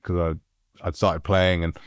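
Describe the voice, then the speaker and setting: A middle-aged man from England, a music producer, telling anecdotes in a relaxed, animated way with frequent laughs. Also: deep voice, measured pace, smooth, no echo, clean studio sound. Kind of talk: relaxed storytelling.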